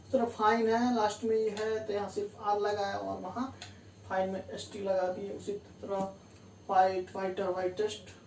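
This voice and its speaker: Woman grammar teacher, patient step-by-step explainer, mellow tone, far from the mic in a roomy space. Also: medium pitch, flat delivery, normal speed. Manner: explains step by step, repeats key terms and says "theek hai" to check understanding. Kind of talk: classroom lesson explaining grammar rules. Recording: distant roomy mic with faint room hum.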